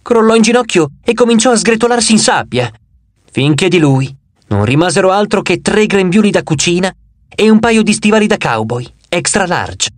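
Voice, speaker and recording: Male audiobook narrator, animated and expressive, fairly high voice, dry studio sound. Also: moderate pace, dry recording. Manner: dramatic, animated reading. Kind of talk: first-person audiobook narration.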